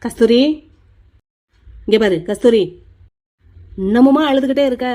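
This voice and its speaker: A remorseful elder brother in a cartoon, played by a woman with a raised, fairly high voice. He talks fast and loudly, gruff at first but softening into comfort. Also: steady tone, close to an everyday voice. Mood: stern.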